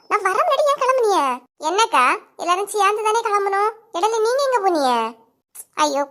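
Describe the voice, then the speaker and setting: A sharp-tongued village woman bickers with her neighbours in a cartoon comedy, voiced by a woman. Her voice sits very high, and she scolds and accuses in a Kanyakumari Tamil accent. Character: bickering village women neighbours, quick-tempered.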